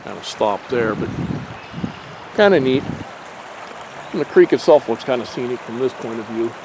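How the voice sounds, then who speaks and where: A man casually narrating a nature hike outdoors by a creek, in a relaxed, rambling way with fillers and mild swearing, recorded on a handheld camera. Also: mid-range voice, moderate pace. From Pennsylvania. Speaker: nature vlogger. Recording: faint outdoor noise on a camera mic.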